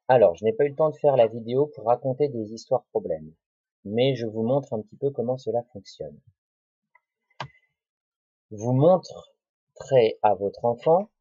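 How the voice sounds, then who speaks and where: A man teaching young children a lesson, talking slowly and deliberately and repeating words and syllables. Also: mid-range voice, dark tone, slightly rough, no room sound. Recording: dull lo-fi recording.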